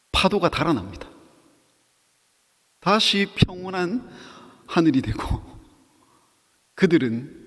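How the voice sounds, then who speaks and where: A man's voice: mid-range voice, breathy edge, long reverb tail. A man preaching a sermon to young adults, telling a story with acted quotes and questions to the audience. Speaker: pastor.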